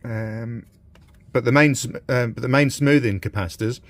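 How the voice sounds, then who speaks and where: This British vintage radio repairer, a man in his fifties, speaks at normal speed and medium pitch. He gives a hands-on demonstration for a video in his small, messy indoor electronics workshop, chatting casually and thinking out loud amid clear background noise.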